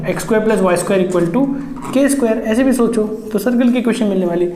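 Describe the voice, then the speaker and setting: Mellow-voiced male maths teacher, roomy echo. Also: sits high, fast, slight background noise. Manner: explains step by step, asks students rhetorical questions; addresses students as children, mixes in English terms. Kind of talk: exam-prep maths lecture.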